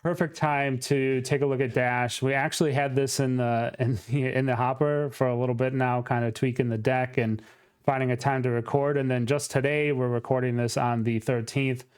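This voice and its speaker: A man's voice: mid-range voice, steady tone, normal speed, smooth. A man hosting a casual card game talk show, steering the conversation in a friendly way with frequent ums. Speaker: channel host.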